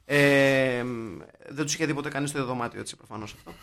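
A man co-hosting a casual film podcast, chatty and excitable, swearing in jest now and then. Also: medium pitch, creaky, noisy background. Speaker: podcast co-host. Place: informal room, cafe-like.

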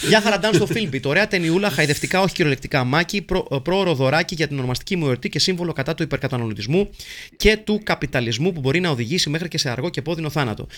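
A man's voice: fairly high pitch, lively intonation, a bit bright. A man hosting a podcast, reading listener messages aloud in a playful, jokey way and rattling through lists of names. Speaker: podcast host.

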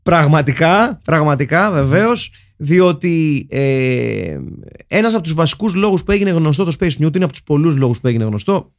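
A man's voice: a little high, animated. A man hosting a casual, jokey film podcast in a theatrical tone. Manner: jokey, theatrical, mixes in English phrases. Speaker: podcast host. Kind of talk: casual comedic film chat.

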